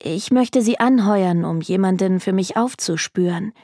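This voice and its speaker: A woman's voice: mid-range voice, unhurried, dark tone, dry recording, studio quality, close to an everyday voice. A woman voicing a determined, grieving young woman who asks a detective for help, earnest and pleading.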